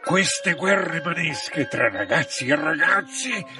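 A man voicing a big old crab who scolds in a slow, hoarse, booming voice, like a trombone with a cold, in a radio storybook. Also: expressive, recorded from a distance. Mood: scolding. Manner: slow, lecturing. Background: background music.

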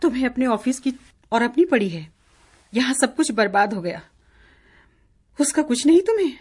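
Aggrieved radio-play wife, high and complaining. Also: female voice, animated, normal speed, darkish tone, husky. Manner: complaining, sulky. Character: grieving, complaining young wife. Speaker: radio drama actor.

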